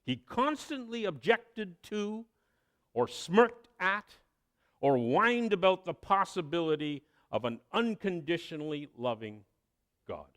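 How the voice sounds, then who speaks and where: A man preaching a sermon, telling a story with expressive delivery and dramatic pauses. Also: high voice. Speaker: pastor.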